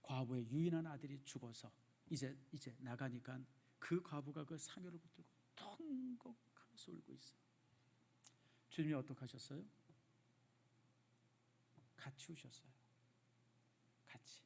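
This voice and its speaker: A middle-aged male pastor preaching in a church, emotive, dropping from loud emphasis to hushed, near-whispered repeats. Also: mid-range voice, lively intonation, normal speed, creaky, long pauses, breathy edge. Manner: addresses the congregation directly, repeats phrases for emphasis. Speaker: senior pastor. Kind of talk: sermon. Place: church sanctuary.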